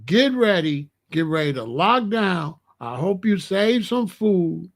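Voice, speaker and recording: This livestream host, an American man of middle age or older, sounds high-pitched, very animated and slow. He chats loosely with his online audience about the weather, leaning on repeated phrases and plain, emphatic talk.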